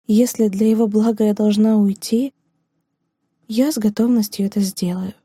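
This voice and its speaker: A woman reading an audiobook, voicing a heartbroken woman teacher who speaks in a hushed, trembling but firm manner. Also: medium pitch, steady tone, moderate pace, breathy edge, no room sound, studio quality, lightly acted. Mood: sorrowful, resolute.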